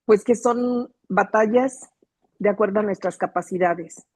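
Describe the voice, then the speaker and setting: Slow, husky-voiced woman student. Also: medium pitch, dry recording. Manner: hesitant, reflective, many fillers. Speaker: seminary student. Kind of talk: class discussion answer.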